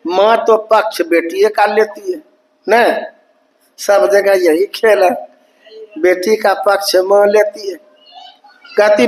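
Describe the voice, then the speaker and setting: A man's voice: high voice, low-quality recording. A man, telling a folksy story in a sermon to a satsang gathering and briefly acting out the quoted voices. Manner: folksy, acts out quoted voices while narrating. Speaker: spiritual teacher. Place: satsang hall.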